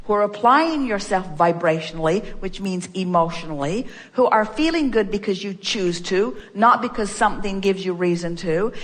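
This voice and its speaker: Woman, seminar speaker, emphatic and repetitive, mid-pitched voice with a long hall reverb. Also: expressive, normal speed, hardly any pauses. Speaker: spiritual teacher. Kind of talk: inspirational seminar talk.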